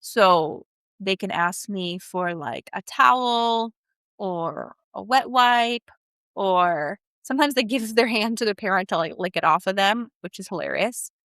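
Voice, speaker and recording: A woman's voice: medium pitch, a little slow, no echo. A woman feeding therapist giving encouraging, practical advice to parents in a solo talk. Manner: warm, encouraging, animated teaching.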